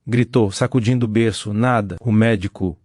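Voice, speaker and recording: A man giving a scripted dramatic narration in a measured, solemn storytelling manner. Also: mid-range voice, steady tone, a little mellow, no room sound, clean studio sound.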